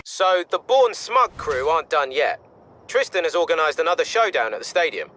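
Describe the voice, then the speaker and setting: An actor playing a brash, wary young race coordinator in a video game, briefing informally and punchily. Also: male voice, on the high side, big pitch swings, normal speed, bright, forceful tone, slight background noise.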